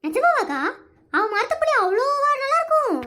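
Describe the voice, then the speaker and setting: A loud, blunt village woman talks in a very high, bright voice, as a woman puts her on. She is teasing and outspoken, the noisy sidekick of a homespun cartoon. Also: sing-song, fairly quick, heavily acted. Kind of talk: cartoon voice acting.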